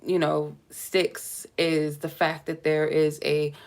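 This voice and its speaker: Here a tarot reader talks slowly in a low voice that barely shifts in pitch. Her casual reading to camera drifts around, chatty and gently humorous. She's stuffed up from a cold.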